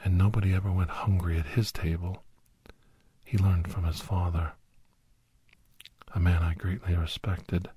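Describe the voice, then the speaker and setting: Performing as a weary older doctor and veteran hunter burdened by guilt, a man gives a slow, halting, whispered confession in a breathy, husky ASMR story. The low-pitched, mellow voice barely moves in pitch and is exaggerated, with no echo and a quiet, wistful mood.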